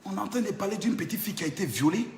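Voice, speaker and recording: A high-voiced man rants boastfully, shouting and chanting his taunts in a singsong way. His voice bounces around an echoey room. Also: lively intonation, very fast, slight background noise. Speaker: social media influencer. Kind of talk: boastful taunting video rant.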